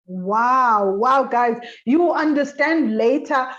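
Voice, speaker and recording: A woman hosting a talk show, lively and hyped, speaking straight to her viewers. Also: high voice, slow, dull audio. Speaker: show host.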